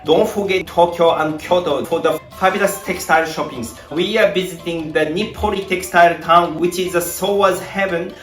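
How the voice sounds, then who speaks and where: Upbeat Japanese-accented man pitching a tour. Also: a bit bright. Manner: upbeat salesy delivery with rhetorical questions and long lists. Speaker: tour guide and founder of a craft tour. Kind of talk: promotional voice-over pitch. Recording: roomy voice with faint background music.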